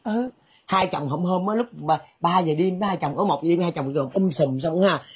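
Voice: medium pitch, husky, dull audio. A performer playing a nosy village gossip who denies spreading rumors, in a sketch comedy. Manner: rapid, insistent, defensive chatter. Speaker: skit comedian.

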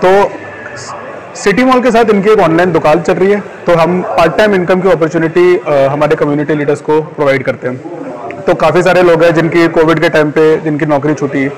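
Young guy interviewed at an event, lots of ums, slightly high voice, explains business stuff. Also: fairly even intonation, moderate pace, low-quality recording. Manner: hesitant, many ums, mixes English words. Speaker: company representative. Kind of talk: on-camera interview. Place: indoor event hall in front of banner backdrop.

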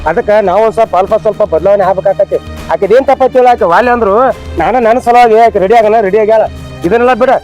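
A man's voice: high voice, very fast, a little mellow, faint music behind, lightly acted. A man with a North Karnataka accent playing an emotional young son caught between his stepmother and his wife in a village family drama skit. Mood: arguing. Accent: North Karnataka Kannada. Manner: pleading, emotional. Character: pleading young married son, torn between mother and wife.

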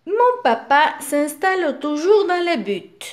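Animated woman reading to small children. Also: high voice. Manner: slow, animated, sing-song storytelling. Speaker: teacher reading to young children. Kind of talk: read-aloud children's story.

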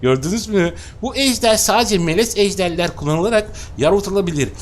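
A young man hosting his own gaming channel, giving exuberant, excited commentary on a mobile game and repeating his phrases with delight. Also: high voice, brisk.

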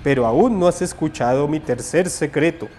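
A wise old grandfather toad, as a man puts him on for a storybook, calm and sly, his voice sinking lower than the teller's. He takes his time over every word, with faint music playing behind. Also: moderate pace, a little hiss or hum, natural voice. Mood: relieved.

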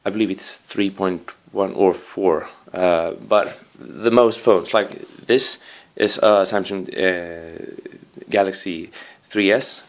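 In a living room with a wooden floor and a rug, a man gives a casual, hands-on gadget review in a fairly low voice, speaking very slowly. He rambles, tosses in apologetic asides, and shows a playful, excitable streak.

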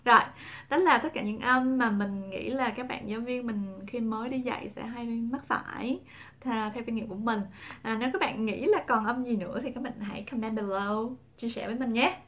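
A young woman teaching English pronunciation in a casual talk to camera, saying example words slowly and repeating them. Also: fairly high pitch, a bit bright.

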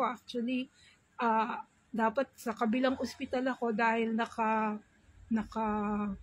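A Filipino woman with a husky voice, talking casually to her vlog audience and mixing English with Tagalog in an unhurried way. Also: fairly high pitch, poor audio. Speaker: vlogger.

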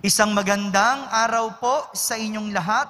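A man, a priest, reading the gospel and preaching at Mass in a slow, measured, solemn way. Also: sits high, bright, forceful tone, slight background noise. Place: large church. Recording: echoey church hall.

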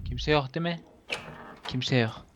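A man's voice: mid-range voice, measured pace, highs cut off, background noise. A young man casually commenting while he plays a horror game, joking, swearing and talking to the game's characters. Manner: jokey, swears, talks to the game. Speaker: gaming video host. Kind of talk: casual let's-play commentary.

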